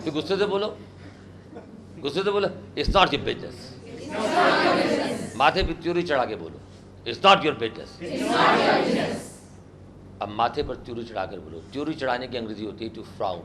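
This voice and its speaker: A man's voice: medium pitch, fairly quick, a loud crowd, very noisy. A man teaching a spoken English class, quizzing students and having them repeat words. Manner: animated, asks the class questions and has them repeat words.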